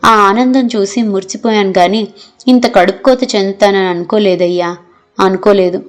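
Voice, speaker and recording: A woman's voice: medium pitch, fairly even intonation, normal speed, natural voice. A woman narrator reading the lines of a grieving elderly father who pleads through tears in a storybook reading. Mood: pleading. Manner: tearful, sobbing pleas.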